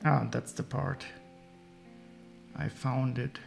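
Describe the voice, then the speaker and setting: A man's voice: mid-range voice, level tone, takes it slowly, gravelly, darkish tone. A man with a German accent, chatting casually with viewers as a livestream host while sorting toy parts. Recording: faint music behind.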